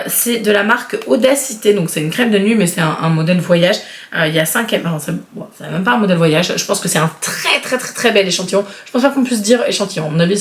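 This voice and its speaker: A woman in her thirties chatting casually and enthusiastically as she unboxes beauty products, with frequent fillers. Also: on the low side. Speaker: beauty vlogger. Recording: roomy echo.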